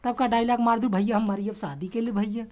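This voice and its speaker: A woman's voice: fairly high pitch, steady tone, fast, background noise, close to an everyday voice. A woman playing a quarrelsome, aggrieved son and husband in a village comedy skit, with an Awadhi accent. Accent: Awadhi, eastern Uttar Pradesh. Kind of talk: rustic family comedy skit.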